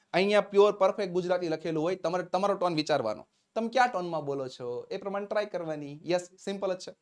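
A man with a Gujarati accent leads a live-streamed spoken English lesson, his voice sitting a little high. He is upbeat and encouraging, slowing right down to draw out each English phrase as he dictates it. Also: smooth. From Gujarat, India.

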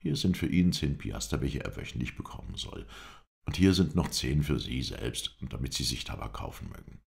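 A man voicing a calm, firm male traveller who questions people in a curt, businesslike way. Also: very deep voice, normal speed, gravelly, exaggerated voice.

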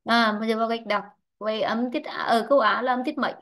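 A woman teaching English online, explaining word-stress rules slowly and repeating herself with many fillers. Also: a little high, background noise. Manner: repetitive, drawn-out explaining with frequent fillers. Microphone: online lesson mic.

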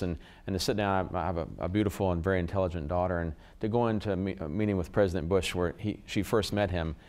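A man's voice: low-pitched, a little mellow. A man, a library director, speaking earnestly on a panel, with frequent restarts. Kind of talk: panel discussion.

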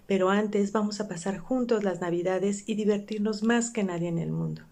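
A woman's voice: mid-range voice, normal speed, vocal fry, a little mellow. A woman reading aloud, voicing an eager little girl coming to bring her brother home. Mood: joyful.

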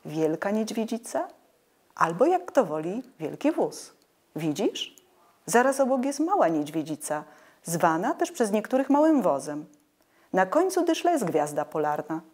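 A calm, tender mother, read by a woman explains things softly and patiently. Her voice moves in a lively, sing-song melody, as in a children's storybook. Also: mid-range voice, normal speed. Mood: hushed.

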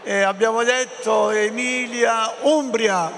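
A man's voice: extremely high pitch, steady tone, takes it slowly, fairly bright tone. A man speaking as a bishop, greeting a large assembly and playfully calling out questions to the audience. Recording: reverberant hall with crowd noise.

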